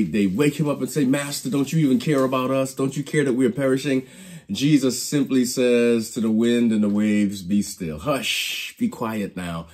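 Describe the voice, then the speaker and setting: A man teaching a Bible lesson in a preacherly way, repeating words and easing into soft emphatic endings. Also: lowish voice, husky. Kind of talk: sermon-style Bible lesson.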